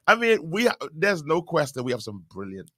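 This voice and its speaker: A man, a pastor hosting a radio talk show, chatting casually, laughing often and reading documents aloud in halting bursts. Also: on the high side, sing-song, fairly bright tone, no room sound. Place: radio studio. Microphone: studio microphone.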